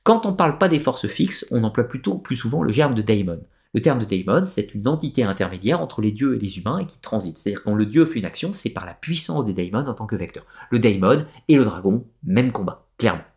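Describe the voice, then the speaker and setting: A man's voice: on the low side, expressive, brisk, few pauses, darkish tone. A man hosting a live stream, explaining at length and answering viewers' chat comments, often hesitating and restarting his sentences. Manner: digressive explainer with frequent hesitations.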